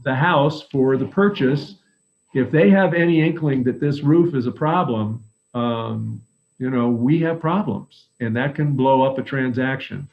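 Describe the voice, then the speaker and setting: Middle-aged man, real estate agent, earnest advice, filler words, mid pitch, slightly muffled audio. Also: a little slow, creaky. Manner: earnest and advising, many "uh" and "um" fillers. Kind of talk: casual advisory discussion.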